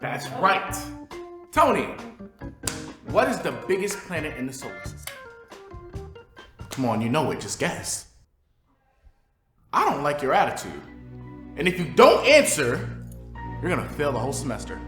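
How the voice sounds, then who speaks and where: A man playing an awkward, dramatic high school teacher who talks slowly and bursts into shouts. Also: huge pitch swings. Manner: slow, theatrical, bursts into shouting. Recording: echoey classroom with music.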